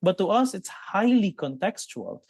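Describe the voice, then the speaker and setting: This psychologist guest from the Philippines explains his answers in a Filipino accent, often restarting and dropping in Tagalog terms. His high-pitched voice is very animated yet a little slow, darkish and breathy with vocal fry. No room sound is present.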